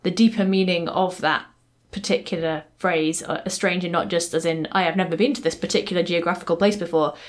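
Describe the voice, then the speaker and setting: A woman's voice: lowish voice, fairly even intonation, a little fast. Woman co-host, conversational, explains at length, laughs easily. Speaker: podcast co-host. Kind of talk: casual chat.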